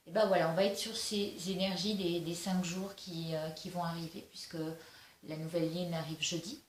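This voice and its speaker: A woman giving a casual spiritual oracle card reading, slow and halting with many fillers and restarts. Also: on the low side, little pitch movement. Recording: echoey room with faint noise.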